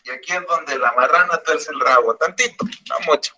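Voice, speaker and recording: A man's voice: on the high side, normal speed, pushed and bright. A man teaching a math class, patiently guiding students step by step. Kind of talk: classroom lesson. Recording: echoey classroom, dull lo-fi sound.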